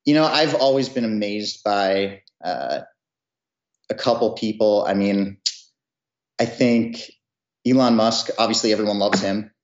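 A man in his thirties with a fairly low voice answers questions haltingly, filling the gaps with pauses. The recording sounds roomy and a little dull. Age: 30s. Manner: hesitant, full of fillers and restarts. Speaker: company founder, guest. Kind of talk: interview answers.

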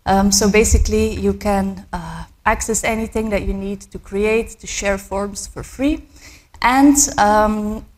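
A woman in her thirties from Belgium presents her startup to a live audience, pausing often on filler words. She has a cold, and her pitch sits in the middle of the range. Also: steady tone. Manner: hesitant, many fillers. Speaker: startup co-founder giving a talk. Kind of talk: conference presentation.

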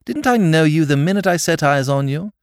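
A man performs a cheerful London Cockney landlord of about fifty-five, chattering eagerly in a bouncy, lively voice with dropped grammar and a raised pitch. He talks a little fast, with a clear, resonant tone. The recording is dry and close-miked.

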